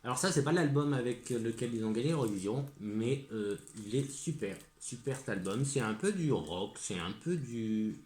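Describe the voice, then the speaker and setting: A man's voice: medium pitch, expressive, moderate pace, hardly any pauses, darkish tone, reverberant. A man with a French accent chatting casually as a vlogger, hesitant and full of fillers, and eagerly repeating his praise. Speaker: vlogger presenting gift ideas. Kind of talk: casual chat to camera.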